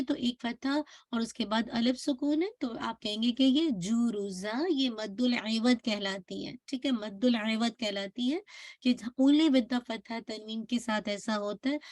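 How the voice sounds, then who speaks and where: A woman giving an online tajweed lesson, patiently repeating words slowly to drill pronunciation. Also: a little high, darkish tone, dry recording. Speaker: Quran recitation teacher.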